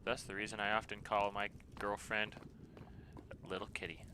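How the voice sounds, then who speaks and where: A man in his twenties from the United States, casually streaming a game and answering chat messages in a relaxed way. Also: on the low side, normal speed, background noise. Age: 20s. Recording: game music playing behind the voice. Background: background music.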